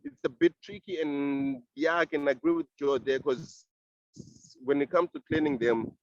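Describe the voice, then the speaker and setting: A man's voice: fairly high pitch, no room sound. Man talking over a phone call. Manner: halting, repeats words and restarts. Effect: heard over a phone call. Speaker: community compost project organizer. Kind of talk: casual panel contribution. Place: outdoors. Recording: dull, dry phone audio.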